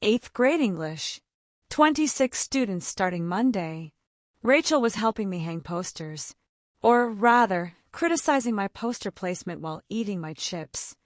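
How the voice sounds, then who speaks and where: A woman's voice: medium pitch, expressive, measured pace, dry recording, studio quality. Reflective young woman telling her story. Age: young adult. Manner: short, quiet, reflective sentences. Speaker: story narrator. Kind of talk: first-person story narration.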